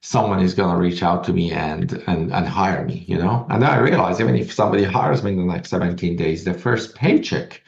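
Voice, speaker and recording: A middle-aged man from Iran, a guest entrepreneur telling his story in an interview in earnest, fast bursts with restarts. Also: deep voice, gravelly. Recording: echoey, dull lo-fi sound.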